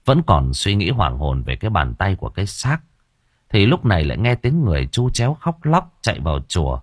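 Husky man narrating a horror story. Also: low voice, sing-song, brisk, no echo, studio quality. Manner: dramatic, emphatic storytelling.

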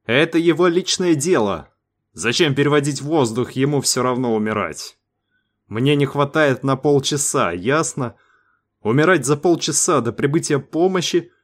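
A man voicing a panicky, selfish male cosmonaut in an audiobook, hoarse and snarling, his voice jumping high as he pleads. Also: expressive, unhurried, natural voice. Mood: panicked pleading. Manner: shrill and pleading, voice jumps high. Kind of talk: audiobook character voice.

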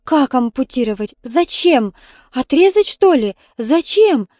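A woman's voice: sits high, very animated, a little slow, a little mellow, dry recording, clean studio sound, full character voice. A woman voicing an old grandmother, a retired nurse, stubborn and tearful, speaking in a pleading, plaintive way. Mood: bewildered.

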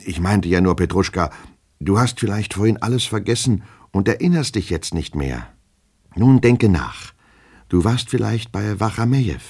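A man voicing a fretful, fussy middle-aged male clerk who turns shrill and anxious when scolding. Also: lively intonation, moderate pace, gravelly, a little mellow, husky, full character voice. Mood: wheedling.

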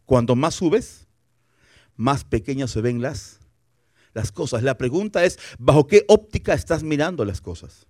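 A man preaching a sermon as a guest pastor, animated, acting out quotes and asking the listeners questions. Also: medium pitch, unhurried, no echo, clean studio sound. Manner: animated, acts out quotes, asks rhetorical questions. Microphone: broadcast for television.

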